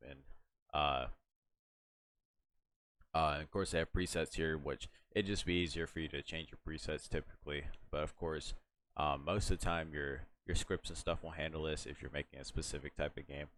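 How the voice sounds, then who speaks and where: A young man giving a casual, rambling software tutorial, full of fillers and restarts and yawning now and then. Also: a bass voice. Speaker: tutorial host.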